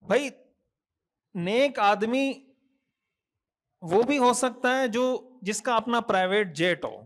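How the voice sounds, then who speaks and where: A man's voice: high voice, lively intonation. A man, a mufti giving a Thursday night sermon, earnest and admonishing, with many rhetorical questions and repeated lists. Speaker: mufti preacher.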